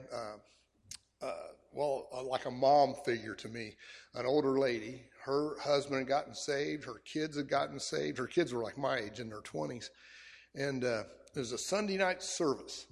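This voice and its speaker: Middle-aged male pastor, husky tone, animated sermon delivery, reverberant sanctuary. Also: mid-range voice. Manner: animated storytelling, repeats words when excited. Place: church sanctuary. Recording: long reverb of a church hall.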